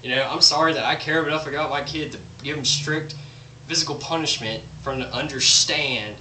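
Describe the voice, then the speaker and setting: A man's voice: a little high, brisk, bright, forceful tone. A young man vlogging a blunt, profane rant. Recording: roomy echo, distant mic, faint hum.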